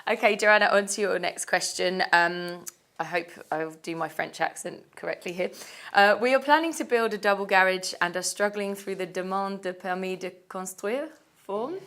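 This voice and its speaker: A woman's voice: mid-range voice, moderate pace, fairly bright tone. A woman hosting a studio panel show, reading out viewer questions in a friendly way. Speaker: TV show host.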